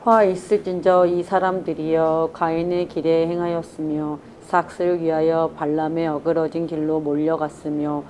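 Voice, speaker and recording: A woman reads scripture aloud in church with a low, even voice that barely rises or falls. Her tone is dark and mellow, with a faint hiss behind it. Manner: steady, measured reading. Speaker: scripture reader. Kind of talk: reading Bible verses aloud. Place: church sanctuary.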